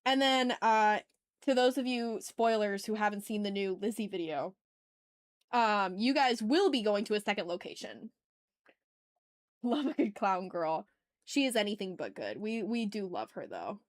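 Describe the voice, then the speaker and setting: A woman with a mid-range, animated voice chats casually and playfully with her viewers while drawing on a live art stream. She talks at a normal speed, and the clean studio sound has no echo.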